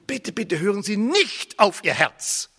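A man preaching a sermon, emphatic and repetitive, swinging between loud declarations and hushed, near-whispered lines. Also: high voice, very animated, measured pace, slightly rough, big-room sound.

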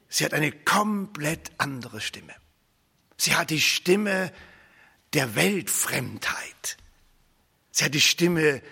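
A man preaching a sermon, emphatic and repetitive, swinging between loud declarations and hushed, near-whispered lines. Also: fairly high pitch, breathy edge, in a large hall.

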